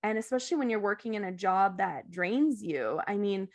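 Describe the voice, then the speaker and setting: A woman's voice: mid-range voice, lively intonation, moderate pace. A woman in casual podcast conversation, talking candidly and animatedly, often laughing and acting out quotes.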